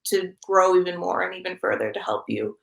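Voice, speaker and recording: A woman's voice: on the low side, lively intonation, brisk, creaky. Young woman, student guest, reflective, lots of ums, echoey room sound. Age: 20s. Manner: earnest, reflective, many ums. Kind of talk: conversational interview answers. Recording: roomy echo.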